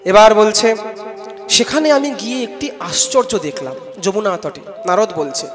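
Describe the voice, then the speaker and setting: A man with a Bengali accent giving a devotional scripture discourse, chanting Sanskrit verses loudly and then explaining them conversationally while urging the audience to respond. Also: high-pitched, very animated, moderate pace, in a large hall, over music. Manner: urges the audience to call out responses. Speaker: Bhagavat katha preacher. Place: large festival gathering hall.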